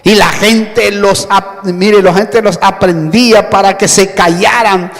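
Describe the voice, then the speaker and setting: A man preaching a sermon with emphasis, often calling out directly to the listener and swinging between soft asides and loud cries. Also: high-pitched, fairly even intonation, takes it slowly, big-room sound. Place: church hall.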